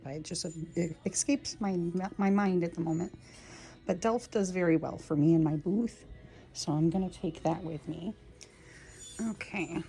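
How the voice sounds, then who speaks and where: A woman vlogging as she browses a thrift store for vintage pieces to resell, often whispering excitedly to the items. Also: fairly low pitch. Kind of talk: thrift store vlog narration.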